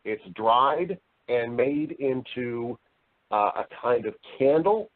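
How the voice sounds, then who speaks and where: Speaking slowly and with animation, a man of medium pitch appears as an interview guest; he works as a voice-over artist and actor. His tone is casual and wry, and he frequently starts over and rephrases, poking fun at himself. The audio is narrow and tinny.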